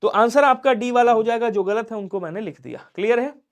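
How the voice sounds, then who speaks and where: A man teaching an exam-prep Hindi grammar lesson, quickly drilling questions and answering them himself in his students' voices. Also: very high-pitched. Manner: drills quickly, urging speed.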